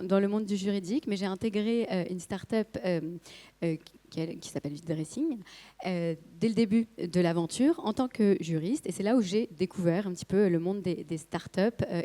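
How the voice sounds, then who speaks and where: Hoarse, mellow woman, voice giving out. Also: fairly low pitch. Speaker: company co-founder and marketing director, guest speaker. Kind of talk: spontaneous conference talk, telling a company story.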